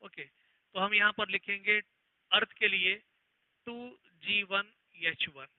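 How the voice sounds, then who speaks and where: High-voiced man teaching physics, tinny audio. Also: steady tone, no echo. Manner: reads question slowly word by word, then explains quickly. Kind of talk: online exam-prep lesson.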